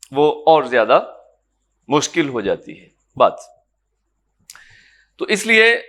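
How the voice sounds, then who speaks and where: A man teaching Quran recitation in a classroom lecture, explaining patiently, checking that students follow and chanting example words slowly. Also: on the high side, a bit bright. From Pakistan. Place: lecture room in an academy.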